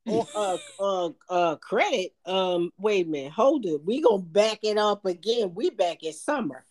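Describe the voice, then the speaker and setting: A woman's voice: mid-range voice, lively intonation, moderate pace, darkish tone. A woman co-hosting a casual podcast chat, talking in a teasing way with laughs. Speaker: podcast co-host.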